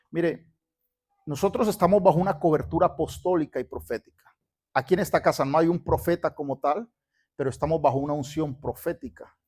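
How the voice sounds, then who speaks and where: A man from Colombia, with a fairly high and slightly mellow voice, preaches fervently to his congregation and prompts them to repeat after him. The sermon, with church announcements, takes place in a sanctuary.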